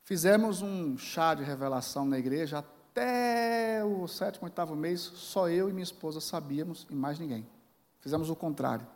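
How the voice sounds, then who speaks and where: A Brazilian pastor in his forties preaches in a large church hall, his slightly high voice carrying a long reverb tail. He tells a personal story, acting out the dialogue with big emotional swings. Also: normal speed, a little mellow. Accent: Brazilian Portuguese. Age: 40s. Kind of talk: sermon.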